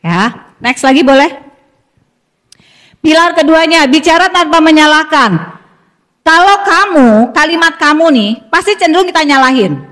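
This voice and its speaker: A woman psychologist with a high, bright voice leads a parenting seminar. She talks in an animated way and slips into the voices of parents and children to make her points. Her voice carries a long reverb from the school hall. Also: normal speed, pauses often. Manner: animated, acts out parent and child lines, laughs with audience. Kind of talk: lively seminar talk.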